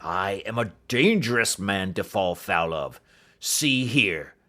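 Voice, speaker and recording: Audiobook villain: huge old doctor, acted by a male narrator, furious, snarling, menacing, with big swings in pitch. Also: animated, takes it slowly, pushed and bright, heavily acted. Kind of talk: audiobook character acting.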